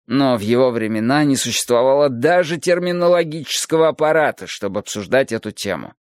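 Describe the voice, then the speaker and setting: Brief: man doing a calm, sorrowful philosopher-teacher for an audiobook, slow and measured, lively pitch, dry read. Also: no echo, lightly acted. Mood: musing. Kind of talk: audiobook character reading.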